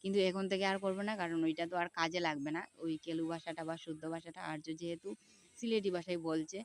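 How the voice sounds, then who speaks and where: A woman's voice: lowish voice, fairly even intonation, quick pace. A woman in her thirties with a Sylheti accent, talking casually to her viewers from beside a pond, repeating herself as she explains. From Tripura, India. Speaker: vlogger. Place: outdoors by a pond.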